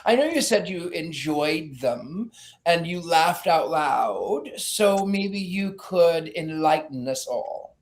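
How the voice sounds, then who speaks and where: Brief: low, very expressive woman host, moderates a casual chat. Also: slow.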